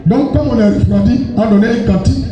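A man's voice: very high-pitched, fast, highs cut off, crowd noise. A male pastor, preaching a deliverance sermon, exhorting and teaching his congregation and teasing them now and then. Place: church service. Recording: echoey church hall with music behind.

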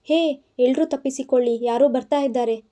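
A woman voicing a rough male kidnapper who talks in a hurried, panicky way, in an audio story. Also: high voice, warm tone, lightly acted. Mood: panicked.

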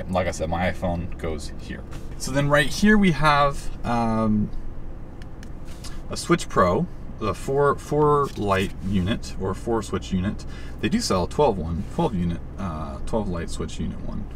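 A man casually walking through the gear mounted in his truck cab, with lots of fillers and a rambling, relaxed manner. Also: sits low. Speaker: overlanding vlogger. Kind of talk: casual equipment walkthrough. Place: inside a parked truck cab. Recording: distant mic with audible background noise.

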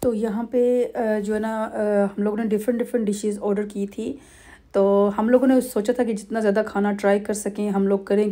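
Over footage of a family trip, a Pakistani vlogger in middle age talks in a medium-pitched voice. Her commentary is easygoing and rambling, with lots of pauses and filler words.

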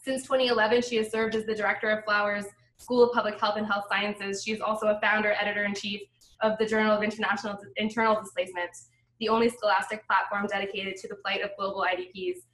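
A woman's voice: medium pitch, little pitch movement, fast, a bit bright, recorded from a distance. A woman hosting a conference, reading a speaker's bio aloud, stumbling on a few words. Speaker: conference host. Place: lounge full of seated students. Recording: roomy sound.

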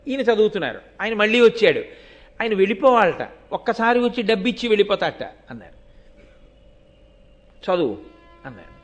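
A man giving a devotional discourse, telling a saint's story and acting out the dialogue of its figures, with slow, emphatic stress on key points. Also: high voice, big pitch swings. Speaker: preacher.

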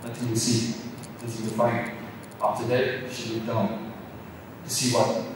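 A man's voice: medium pitch, monotone, unhurried. Man, dramatic storyteller, repeats himself, faint room noise, long reverb. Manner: repetitive, dramatic, many restarts. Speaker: storyteller at a college fest. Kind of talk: folk tale storytelling. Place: large hall at a college event. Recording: echoey hall, mic far off.

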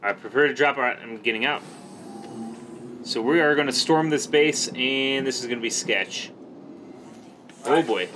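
A man with a bright, forceful voice and medium pitch hosts a casual gaming video. He talks in an enthusiastic, slangy way as he narrates his play. Faint game ambience and noise sit behind his voice. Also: normal speed, pauses often, low-quality recording. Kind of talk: casual gameplay commentary. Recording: background noise under the voice.

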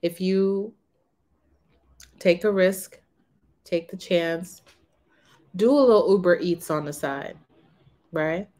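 A woman in her thirties talking frankly to camera in a casual, unhurried way from a small room. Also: lowish voice, mellow. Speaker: vlogger on renting. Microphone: camera in front of her.

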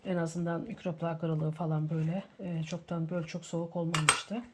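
A middle-aged woman hosting a home cooking tutorial from her kitchen, greeting viewers warmly as friends. She sounds slightly under the weather from a cold. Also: fairly low pitch, level tone, fairly quick, noisy background. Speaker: cooking channel host.

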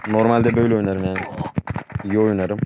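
A young man with a sore throat giving excitable, casual live commentary on his gameplay, calling out his teammates. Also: lowish voice, quick pace, lo-fi sound. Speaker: gaming channel host. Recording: loud background noise with clicks.

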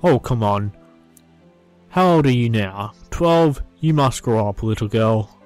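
A man voicing a mocking schoolyard bully who taunts loudly and draws out his words. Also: mid-range voice, lively intonation, soft background music, close to an everyday voice. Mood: taunting. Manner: loud, taunting, drawn-out.

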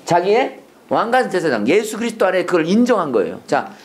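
A man teaching a preachy Bible English lesson to a class, animated and leading call-and-response while mixing English and Korean. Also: high voice, quick pace, a little hiss or hum.

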